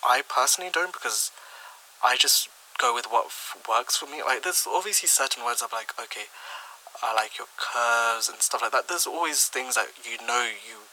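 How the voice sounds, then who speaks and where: Bright-voiced young man chatting. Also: mid-range voice, fairly quick, slight background noise, rough recording. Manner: laid-back, giving advice. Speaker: podcast co-host. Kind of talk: casual chat.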